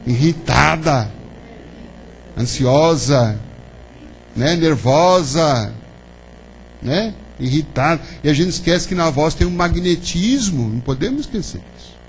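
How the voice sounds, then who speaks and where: Lively in intonation but slow-paced, with long pauses, this fairly high-pitched man delivers a spiritist lecture to an audience at a spiritist center's lecture hall. It's conversational and full of questions plus the tag "né?". Low-quality recording, faint hum in the background.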